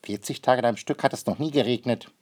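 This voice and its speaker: A man voicing a fussy, curious male water bird in a read-aloud storybook, talking in a high, questioning, naively clever way. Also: brisk, a little mellow, lightly acted.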